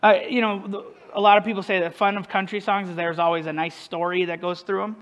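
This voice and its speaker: Male pastor with a high, light voice; casual, self-deprecating sermon delivery. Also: flat delivery, fast talker, a bit bright. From northern United States. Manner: conversational, self-deprecating, asks the congregation questions.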